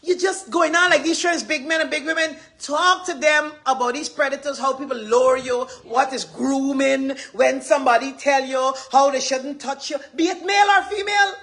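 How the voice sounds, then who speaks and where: A woman's voice: sits high, normal speed, few pauses, a bit bright. A woman with a Guyanese accent gives an impassioned, rambling live address as a community advocate, repeating her points with emphasis.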